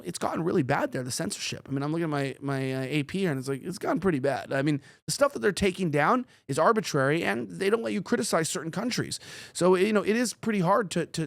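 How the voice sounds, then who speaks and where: Fast-talking male political commentary host. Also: fairly high pitch, vocal fry, no room sound, studio quality. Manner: rapid, rambling, sarcastic asides. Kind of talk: news commentary.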